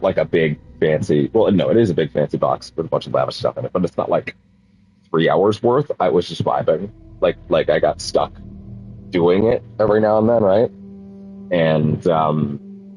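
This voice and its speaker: A man streams a game while chatting casually, rambling with lots of fillers and correcting himself, a little sniffly from a cold. His voice is low-pitched with a darkish tone, and the recording is low quality.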